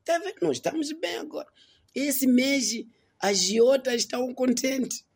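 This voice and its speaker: Slow, high-voiced man joking. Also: lively intonation, husky. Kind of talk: comic sketch.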